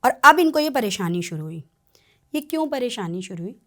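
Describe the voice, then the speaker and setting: Earnest higher-pitched woman telling a story. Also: brisk. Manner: earnest, animated, often checks in with listener. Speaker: tarot reader and Kali practitioner, podcast guest. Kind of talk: conversational podcast storytelling.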